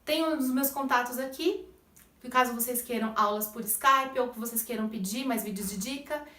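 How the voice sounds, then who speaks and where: A woman's voice: on the high side, moderate pace, sharp tone, echoey room, distant mic. A woman teaching English pronunciation in Portuguese, explaining step by step and checking in with the listener often. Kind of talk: pronunciation lesson.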